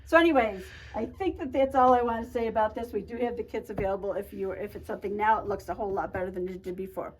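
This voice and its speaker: A woman giving a casual show-and-tell tutorial on her quilting projects, chatty, talking fast and a lot with frequent restarts. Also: mid-range voice. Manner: chatty, talks fast and a lot, self-interrupting. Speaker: quilt shop co-owner showing projects.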